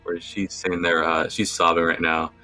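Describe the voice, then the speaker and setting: Casting: low, gravelly man running a tabletop game, bright edge, unhurried. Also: faint music behind. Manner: relaxed, hesitant narration with fillers. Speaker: game master.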